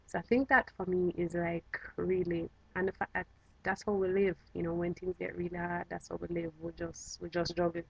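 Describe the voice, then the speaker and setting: A woman from Jamaica with a Jamaican accent, chatting casually to camera in a fond, unhurried, reminiscing way. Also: lowish voice, level tone, vocal fry, slightly rough, dull audio. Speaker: vlogger.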